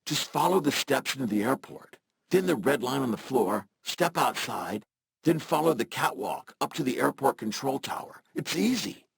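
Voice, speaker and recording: A man's voice: mid-range voice, expressive, moderate pace, vocal fry, slightly rough, dry recording, exaggerated voice. A man voicing a laid-back, friendly male robot in a video game, with a robotic filter on his voice and a casual, slangy way of talking. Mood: mellow.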